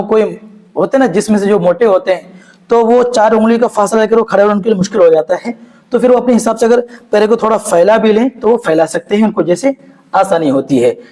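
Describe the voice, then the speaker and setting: A man with a noticeably high voice teaches prayer one step at a time. He talks patiently and repeats key points, checking often that the listener is following. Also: a little mellow, poor audio. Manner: patient, repetitive, often checks understanding with "okay". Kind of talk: step-by-step instructional demonstration.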